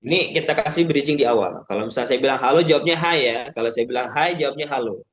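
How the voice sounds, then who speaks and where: A man's voice: mid-range voice, quick pace, crowd noise. A man giving a casual public speaking webinar, explaining step by step and often ending sentences with a filler. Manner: acts out shouting teachers and chirpy call-and-response. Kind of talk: webinar talk.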